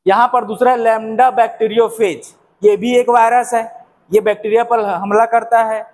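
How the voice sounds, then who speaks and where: A man's voice: high-pitched, steady tone, normal speed. A young man teaching a biology lesson, who keeps asking questions and answering them himself. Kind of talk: classroom-style lecture.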